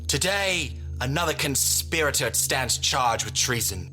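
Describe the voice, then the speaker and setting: An actor playing a cold, imperious military chancellor with a hard-edged, slightly rough voice and formal, oratorical delivery in an audio drama. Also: male voice, mid-range voice, expressive, measured pace, over music, lightly acted. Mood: stern proclamation.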